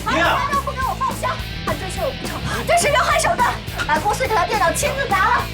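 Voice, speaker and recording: A fiery young office worker, high and shrill, pouring out accusations in a lively, rising voice. Loud film music plays under her. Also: rapid-fire. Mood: indignant. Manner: shrill, indignant, shouting accusations. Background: film score.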